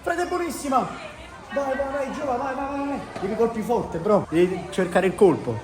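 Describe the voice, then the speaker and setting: Young male, high-pitched, Neapolitan slang, excitable repetitive banter, roomy sound with background noise. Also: moderate pace, a crowd in the background. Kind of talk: excitable casual game banter. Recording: echoey room with clear background noise.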